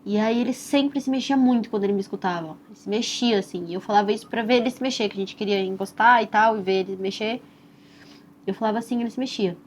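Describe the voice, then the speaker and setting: A young Brazilian woman tells her own story as a mother in a soft, tender and reflective way, often adding "né?" and "assim". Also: medium pitch, quick pace. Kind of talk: personal testimonial storytelling. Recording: slightly dull recording with faint hiss.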